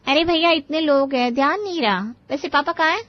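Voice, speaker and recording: A woman's voice: high-pitched, fairly quick, dry recording, highs cut off, pitched above the performer's own voice, natural voice. Woman doing a defensive young sister.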